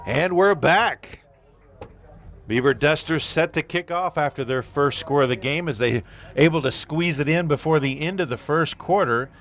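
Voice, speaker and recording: A man doing play-by-play commentary on a local football game, calling plays briskly with relaxed asides. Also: fairly high pitch. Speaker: play-by-play announcer.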